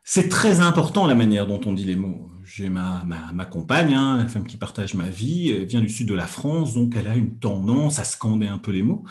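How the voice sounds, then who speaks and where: A man hosting a weekly hypnosis lesson, talking calmly with frequent hesitant pauses and fillers. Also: on the low side. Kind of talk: calm teaching talk on a livestream.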